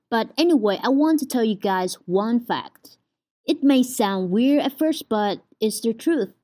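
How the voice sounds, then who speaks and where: Recording her solo podcast at home, a woman in her twenties from Vietnam chats in an earnest, casual way, with "like" coming up often. A native Vietnamese speaker with a Vietnamese accent, she has a fairly high, mellow voice.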